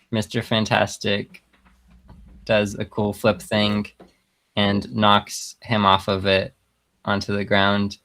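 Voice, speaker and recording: A man's voice: fairly low pitch, a bit bright. A man casually narrating an improvised fight, hesitant and full of fillers. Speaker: player.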